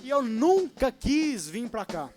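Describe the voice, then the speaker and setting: A man in his twenties from Brazil preaching a sermon and telling his own story, swinging between loud and hushed. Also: extremely high pitch, big pitch swings, slow pace, music in the background. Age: 20s. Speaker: young preacher. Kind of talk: sermon with personal testimony.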